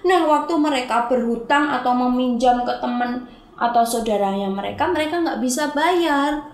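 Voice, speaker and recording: A woman teaching Sunday school, telling a Bible story to children in a lively way and asking them questions. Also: high-pitched, normal speed, roomy sound.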